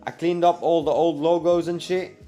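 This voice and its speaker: A young man with a fairly high voice hosts a live coding stream, answering viewers by name in an easygoing, chatty manner. Faint music plays behind him. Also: flat delivery, moderate pace, dark tone. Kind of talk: casual live-stream chat reading viewer comments.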